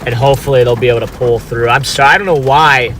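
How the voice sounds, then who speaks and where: A storm chaser livestreaming from inside his car talks casually to his chat while watching a storm. He speaks fast, with a mid-range voice and steady tone. The car is noisy, with outdoor ambience.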